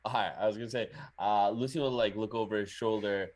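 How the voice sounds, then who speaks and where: A man's voice: on the low side, steady tone, a little fast, darkish tone. A man chatting casually as a player in a tabletop game, slipping in and out of character.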